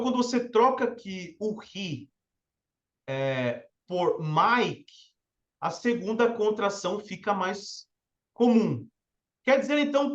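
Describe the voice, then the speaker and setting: A man's voice: sits high, a bit bright, dull audio. A man with a Brazilian Portuguese accent teaching English in a live online lesson, explaining step by step and often checking in with his listeners.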